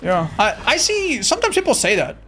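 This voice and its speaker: High-voiced, slightly raspy streamer man. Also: fairly quick, background noise. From Andorra. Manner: animated, swearing, answers chat while playing. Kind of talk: casual live-stream chat.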